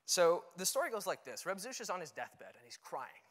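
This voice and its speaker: A man's voice: high voice, big pitch swings, fairly quick. A young man giving an earnest, conversational talk on stage, with frequent "you know" fillers. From Canada. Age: young adult. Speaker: conference speaker. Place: auditorium stage. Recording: long hall reverb.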